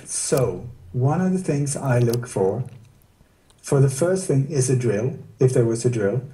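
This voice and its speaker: A male researcher, appearing as a guest in a casual interview, speaks at average pitch with a very dark, mellow tone, expressive and unhurried. He often jabs at his topic with sarcastic rhetorical questions. The mic sits well away from him, and a noticeable room echo colors his voice.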